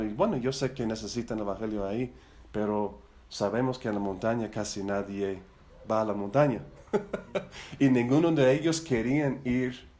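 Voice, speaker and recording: A lowish, darkish male voice belongs to a middle-aged man who learned Spanish as a second language. Leading church leaders through a Bible study, he teaches in a loose, talkative way, with repeated words and frequent tag questions seeking agreement.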